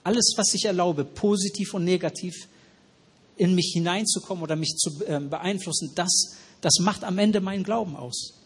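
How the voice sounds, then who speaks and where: A man's voice: sits high, moderate pace, breathy edge. A man preaching an interactive sermon in a church hall. He asks the congregation questions and repeats their answers. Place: church hall with noisy ventilation.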